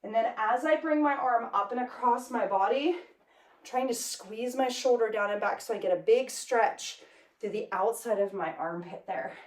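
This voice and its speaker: A woman's voice: on the high side, normal speed. A woman fitness instructor cueing a workout class energetically while exercising, counting out reps. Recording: echoey room, mic at a distance.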